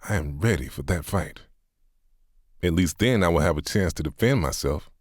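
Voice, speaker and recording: A worn-down, grieving man who turns his pain into defiant, self-pitying sarcasm, played by a man. The voice is deep and recorded close with no room sound. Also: animated, moderate pace, no echo. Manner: bitter, half-hearted sarcasm.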